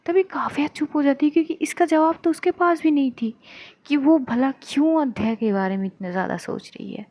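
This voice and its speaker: A woman's voice: high-pitched, a little fast, darkish tone. A woman narrating a story in a casual, chatty way. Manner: chatty, conversational retelling.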